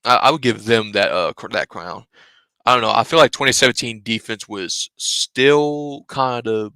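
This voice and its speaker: A man's voice: mid-range voice, moderate pace, bright, forceful tone, clean tone, no echo. Blunt, profane young man on a live stream. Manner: blunt, swears freely, rambling. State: sneezing, stuffy. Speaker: fan channel host. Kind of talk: casual live-stream chat.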